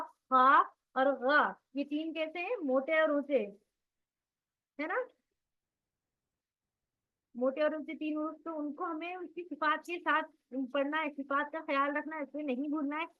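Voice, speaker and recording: A woman's voice: high voice, highs cut off. A woman teaching Quran recitation in an online class, patiently drilling sounds and quizzing her students.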